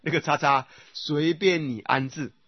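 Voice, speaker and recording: A man with a husky, somewhat breathy voice leads a lecture on Buddhist scripture. He chants repeated sutra phrases in a measured rhythm and keeps turning to the class to ask whether they follow. The sound is dry and a little muffled, like a modest lo-fi recording. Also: on the high side, no echo. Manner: often checks with listeners by asking "right?"; recites sutra phrases in slow repeated cadence. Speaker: Buddhist dharma teacher.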